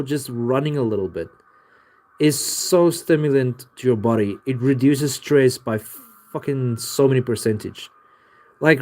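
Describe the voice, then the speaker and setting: Speaking in a slightly mellow, medium-pitched voice, a young adult artist livestreams from his home studio and chats with viewers. He rambles loosely, curses freely, and says "like" again and again.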